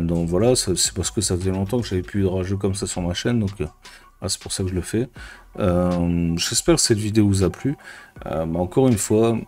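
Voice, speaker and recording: Deep and slightly mellow, this man's voice carries a casual, crude vlog rant delivered straight to camera. He's a YouTuber and business coach who sounds fed up and leans on constant filler words.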